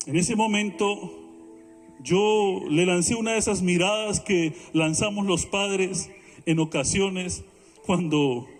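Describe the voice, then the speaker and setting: Man, pastor, high-pitched, slow measured preaching, earnest, reverberant hall. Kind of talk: sermon.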